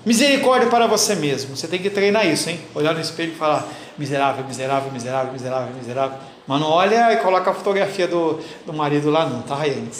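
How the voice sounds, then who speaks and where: A man with a fairly high voice teaches a Bible class as pastor, blunt and teasing. His voice rings through a roomy church hall, with a faint hiss beneath it. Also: lively intonation, fast talker, few pauses. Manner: blunt, teasing, addresses listeners by name.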